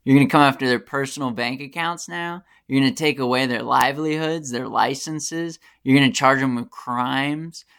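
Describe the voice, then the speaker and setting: American male podcast host, gravelly, fired-up profane commentary. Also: mid-range voice, moderate pace, few pauses, fairly bright tone. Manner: passionate, ranting and profane. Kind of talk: opinionated solo commentary.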